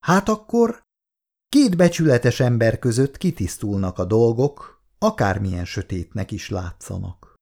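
A man narrating a story in a scripted reading, expressive in delivery. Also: lowish voice, gravelly, hardly any pauses.

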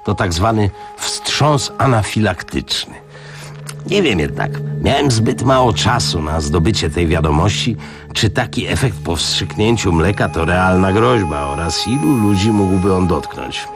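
A man reading a novel aloud on radio, voicing a learned male pathologist who explains at length in a measured way. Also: low-pitched, lively intonation, music in the background. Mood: lecturing. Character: learned middle-aged male pathologist, lecturing.

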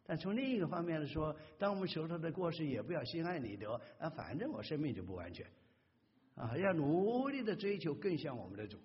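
A man preaching a sermon as pastor, with animated, emphatic delivery and rising stresses. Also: fairly high pitch, quick pace, hardly any pauses. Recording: dull audio with long hall reverb.

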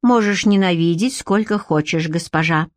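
A woman's voice: fairly low pitch, normal speed, no room sound, clean studio sound, close to an everyday voice. A woman reading the part of a cold, cynical Viking warrior who curtly orders his captive about. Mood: cold commanding. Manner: curt, coolly commanding, cynical.

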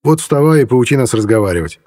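A man voicing a calm young man who gently soothes his hot-tempered partner. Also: mid-range voice, fast, lightly acted. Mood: soothing. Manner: gentle, placating. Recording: long reverb.

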